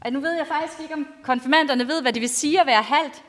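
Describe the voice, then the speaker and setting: High-voiced woman preaching in a reverberant hall. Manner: plain, simple spoken storytelling to a congregation. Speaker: pastor. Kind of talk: storytelling sermon. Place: large reverberant church, speaking to a congregation. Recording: long church-like hall reverb.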